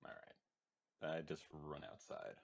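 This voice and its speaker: A man's voice: a bass voice, monotone, a little slow, vocal fry. A man playing a tabletop game, eager and hesitant, full of fillers. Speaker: player. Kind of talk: casual tabletop play.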